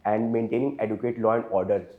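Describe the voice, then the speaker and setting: The audio is narrow and tinny as a man in his twenties, speaking quickly in a fairly low, even voice with an Indian English accent, handles interview questions formally. He's a deferential, hesitant candidate who uses many fillers and keeps adding "sir."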